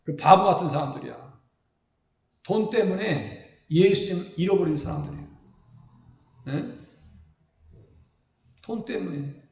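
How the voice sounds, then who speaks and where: High-voiced pastor preaching in an echoing church. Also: male voice, measured pace, gravelly, pauses often. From South Korea. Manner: folksy, animated preaching with rhetorical questions to the congregation; acts out quoted speakers in lively voices. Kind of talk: sermon. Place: church sanctuary. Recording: echoey hall with long reverb.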